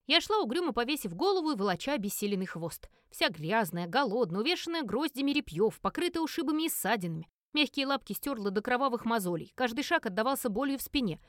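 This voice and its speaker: Woman narrator for a first-person audiobook: animated, fairly high, dry close sound. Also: quick pace, hardly any pauses, no echo. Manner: expressive, lively storytelling.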